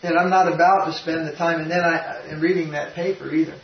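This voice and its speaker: Older spiritual teacher in a roomy hall. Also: male voice, on the high side, flat delivery, brisk. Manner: rambling and emphatic, with frequent restarts. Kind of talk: informal devotional talk. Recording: roomy, distant, dull lo-fi sound with faint noise.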